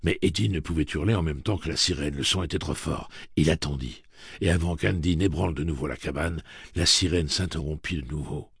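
A man reading a novel aloud as an audiobook narrator, steady and dramatic. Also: a bass voice, a little fast, slightly rough, no echo, clean studio sound. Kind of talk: scripted narration.

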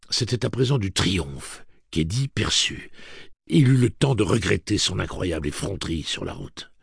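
Deep, husky male narrator with a lively, expressive read. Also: no room sound, studio quality. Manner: steady, dramatic reading. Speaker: audiobook narrator. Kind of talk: scripted narration.

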